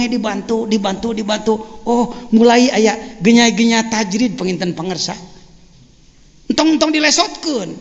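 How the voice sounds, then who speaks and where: An older man with a Sundanese accent, teaching a religious lecture in an animated, joking way. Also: high voice, vocal fry. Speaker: Islamic teacher. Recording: dull lo-fi sound with long hall reverb.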